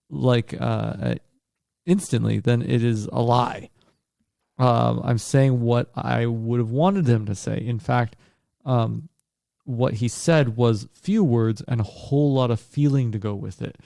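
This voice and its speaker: A man's voice: mid-range voice, creaky, warm tone, no echo, clean studio sound. A man co-hosting a book podcast, talking things through in a loose, thoughtful way with fillers and restarts. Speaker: podcast co-host. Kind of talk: casual book discussion.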